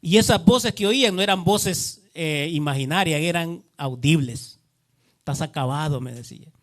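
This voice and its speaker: A man's voice: on the high side, normal speed. A man giving an earnest testimony sermon, often repeating himself and quoting others in dialogue. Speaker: preacher.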